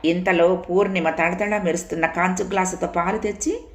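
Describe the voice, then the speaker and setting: A woman narrating a story in a steady, expressive reading. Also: lowish voice, normal speed. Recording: echoey room.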